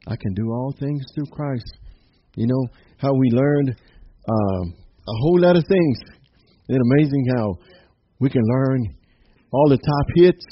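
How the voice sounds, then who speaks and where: A man's voice: mid-range voice, a little hiss or hum. Fervent male pastor, muffled broadcast. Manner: fervent, chuckling often, repeated amens. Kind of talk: sermon broadcast to viewers and listeners.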